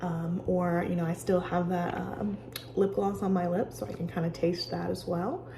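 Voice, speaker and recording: A woman giving casual, conversational instruction as she guides a calming exercise with personal examples. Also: lowish voice, moderate pace, creaky, background noise. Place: office with sound machines nearby.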